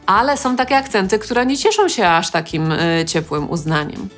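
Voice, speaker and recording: A woman from Poland hosting an English-language lesson, explaining clearly and calmly with touches of humor. Faint music sits under her voice. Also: mid-range voice, normal speed. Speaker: language teacher host. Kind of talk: educational vlog.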